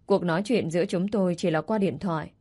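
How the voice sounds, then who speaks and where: Female storyteller, plain first-person narration, steady delivery. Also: fairly low pitch, quick pace, husky.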